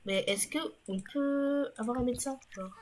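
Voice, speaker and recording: A woman's voice: on the high side, moderate pace, noisy background. A woman giving casual let's-play commentary as a gaming YouTuber, chatty and rambling with wry asides.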